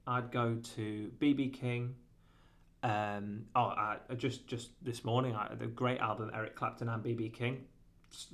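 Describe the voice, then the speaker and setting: A man giving a casual guitar lesson, rambling and correcting himself often, with lots of fillers. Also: medium pitch. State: has the hiccups. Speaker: guitar teacher.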